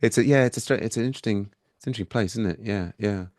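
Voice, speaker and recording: A man with a London accent hosting a casual interview, quick and excitable, with hesitant restarts when he asks his questions. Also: fairly low pitch, no room sound, studio quality. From England. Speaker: podcast host.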